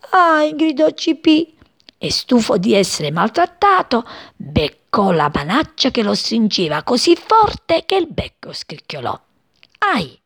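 A woman reading a children's story aloud in an expressive, lively way. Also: fairly low pitch, slightly rough. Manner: expressive, addresses children directly.

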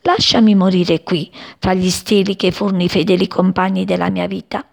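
Storybook daisy near death, gentle, sighing and husky, up high; woman reader puts her on. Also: expressive, takes it slowly, heavily acted. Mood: faint, tender. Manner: faint sighing breathy voice. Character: dying small female daisy flower, gentle and frail.

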